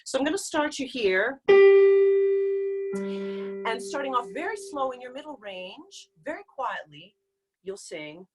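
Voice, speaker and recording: A woman vocal coach leading a live online group singing lesson, explaining exercises and breaking into loud demonstration hoots and calls. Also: sits high, sing-song, measured pace, long pauses, over loud music. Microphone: video call.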